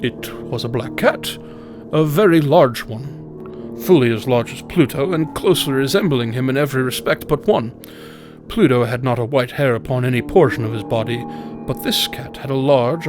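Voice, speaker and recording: A man playing a tormented narrator confessing dark deeds in a theatrical, formal, deliberate reading of a gothic horror story. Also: medium pitch, natural voice. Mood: intent. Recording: music behind the voice.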